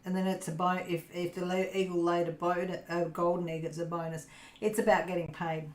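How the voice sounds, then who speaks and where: A woman's voice: lowish voice, little pitch movement, brisk, a little mellow. An Australian woman hosting a casual livestream chat with her viewers, rambling and giggling with lots of fillers. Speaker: crafting channel host. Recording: roomy echo.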